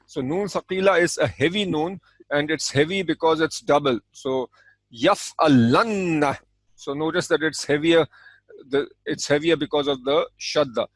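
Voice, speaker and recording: A man teaching an Arabic grammar lesson, explaining calmly and step by step, with Arabic terms spoken in between. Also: a little high, normal speed, no echo, rough recording. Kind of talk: recorded language lesson.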